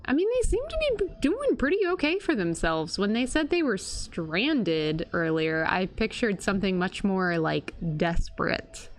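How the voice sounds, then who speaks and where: Expressive woman streamer with swooping, lively pitch. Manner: expressive, reactive, with gasps and drawn-out exclamations. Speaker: video game streamer. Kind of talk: casual live gameplay commentary.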